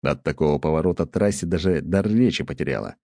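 A man reading an audiobook in a very deep, dark voice with a steady, measured delivery. The recording is close and completely dry. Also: no room sound. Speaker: narrator. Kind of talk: audiobook narration.

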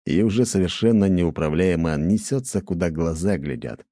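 Man, audiobook narrator, very deep voice, dry close sound, measured. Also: expressive, mellow, no room sound.

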